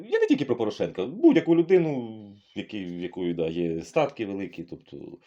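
Middle-aged male commentator, profane and sarcastic rant, dark mellow voice, muffled recording. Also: mid-range voice. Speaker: political commentator. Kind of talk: ranting monologue.

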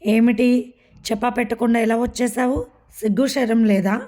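A woman's voice: fairly high pitch, steady tone, normal speed, close to an everyday voice. A woman reading a drunk cruel husband. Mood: angry. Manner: shouting insults, harsh. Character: drunk abusive husband, older man, cruel.

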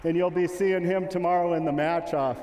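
A middle-aged man jokes his way through a live sheepdog training demo, calling commands to his dog inside a big indoor arena whose echo leaves long reverb. He speaks fairly quickly in a high-pitched, darkish voice with fairly even intonation, over a little hiss or hum.

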